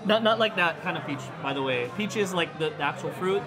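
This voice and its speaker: A man's voice: on the high side, animated, a little fast. A man in his thirties, a vlogger chatting casually and playfully at a brewery, speaking to his viewers. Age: 30s. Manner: playful, easygoing, talks to viewers. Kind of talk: casual chat. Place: dim brewery taproom, indoors. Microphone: clip-on wireless mic. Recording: loud music underneath. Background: music playing loud.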